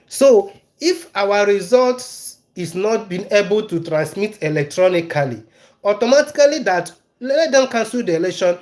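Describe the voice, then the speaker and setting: A Nigerian man giving casual live-stream commentary, emphatic and repetitive, hammering his key phrases and stopping to greet and answer viewers in the chat. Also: sits high.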